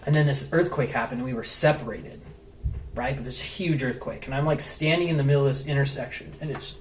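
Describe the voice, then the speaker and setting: A brisk, medium-pitched man, a travel blogger on a podcast, tells a story while recorded from afar. He's loose and animated, swearing and saying "like" a lot. The sound is roomy and off-mic with faint hiss.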